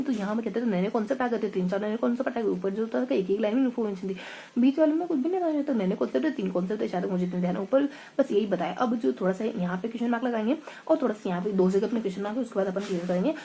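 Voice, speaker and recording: A woman revising her notes aloud in a casual study session, thinking out loud and stumbling over half-remembered words. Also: a little high, rapid-fire, slight background noise, low-quality recording.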